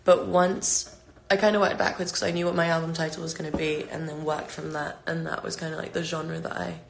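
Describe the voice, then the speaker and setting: A singer with a London accent, in her twenties, answers fans casually over a phone livestream, rambling and full of fillers and restarts. Her voice sits low with a level tone and vocal fry, and she talks fairly quickly. The room echoes.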